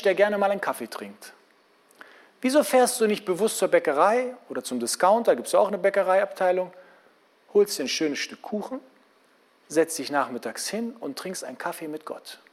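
A man preaching a sermon in a lively, conversational way, asking his listeners questions. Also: high-pitched.

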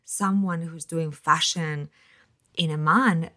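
A woman's voice: low-pitched, steady tone, takes it slowly, pushed and bright. A woman from Spain hosting a podcast interview, talking at length and rambling with restarts. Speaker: podcast host.

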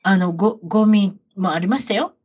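The high frequencies are cut off in this clip of a medium-pitched woman talking a little fast with a breathy edge. A middle-aged Kansai-accented podcast co-host, she narrates travel anecdotes like a chatty, animated auntie, often asking the listener questions.

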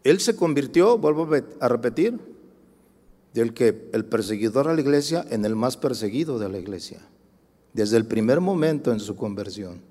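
A Mexican man preaching a sermon, telling personal testimony and calling out to the congregation with rhetorical questions, moving between loud, drawn-out emphasis and quiet storytelling. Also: mid-range voice, animated. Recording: long hall reverb.

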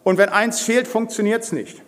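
An older man preaching a sermon in a church hall, blunt and forceful in his delivery. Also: high-pitched, steady tone, moderate pace.

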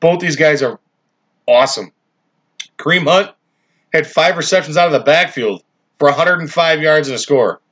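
A man's voice: fairly high pitch, normal speed, pauses often, fairly bright tone, highs cut off. A man doing a casual football recap for fantasy players, profane and exasperated as he rants about the week's games.

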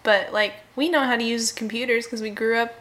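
A woman's voice: fairly high pitch, fairly even intonation, fairly quick, over a noisy crowd. A young woman chatting casually with a friend, agreeable and giggly. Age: young adult. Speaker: co-host. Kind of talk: casual chat.

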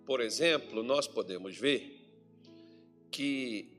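A Brazilian pastor preaches in a church hall at a slow pace, with faint music in the background. He's chatty and jokes with the congregation, his pitch swinging lively as he goes.

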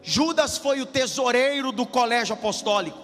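Preacher guy, keeps repeating lines and getting louder, echoey church with faint music. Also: extremely high pitch, moderate pace. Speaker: pastor. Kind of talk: sermon. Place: church hall. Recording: hall reverb with faint music.

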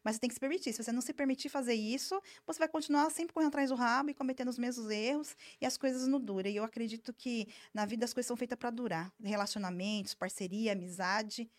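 Fast-talking, candid businesswoman. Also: a little high. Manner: candid, emphatic, animated storytelling. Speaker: business owner. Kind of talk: casual interview talk.

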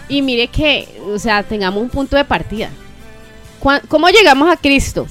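Earnest woman teaching faith, soft music behind. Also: high voice, lively intonation. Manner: measured, earnest, many rhetorical questions and restarts. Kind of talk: reflective faith teaching in conversation.

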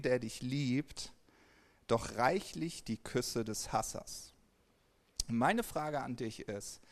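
Male preacher, unhurried delivery, average pitch, whispers key points, plays out sample reactions. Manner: drops to whispers for emphasis, acts out quoted reactions. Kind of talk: devotional sermon.

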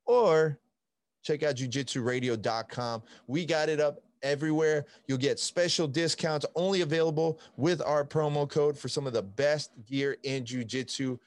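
This podcast host, a young man from Italy with an Italian accent, chats through a relaxed interview, upbeat and meandering, his speech packed with fillers. He speaks at a moderate pace in a somewhat high voice.

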